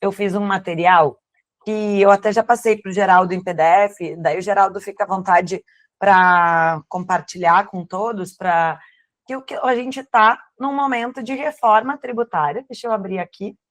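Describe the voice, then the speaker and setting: This woman's medium-pitched voice moves at a moderate pace over a dry recording. A gaúcho-accented tax lawyer and lecturer from Rio Grande do Sul, she appears as a guest speaker, giving an online audience a conversational explanation and frequently posing questions she then answers herself.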